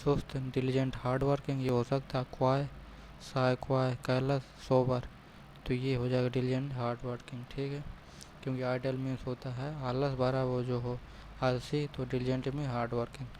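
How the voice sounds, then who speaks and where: A male tutor solves test questions aloud in a flat, dark, mellow voice, talking slowly and repeating each choice to himself. Faint traffic hums behind him. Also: medium pitch, poor audio. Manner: thinks aloud, repeats options, reads English questions slowly. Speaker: exam prep tutor. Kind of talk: solving a mock test aloud.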